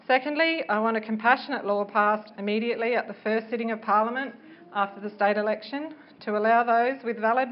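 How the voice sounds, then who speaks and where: Woman giving an earnest speech, dull noisy recording. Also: a little high. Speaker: parent campaigner giving a public speech. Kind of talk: prepared public speech.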